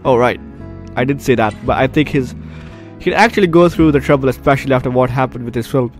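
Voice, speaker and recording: A man getting over the flu hosts a let's play video, reading game text aloud and reacting dramatically with repeated phrases. He speaks at a quick pace in a medium pitch. Game music plays behind his voice.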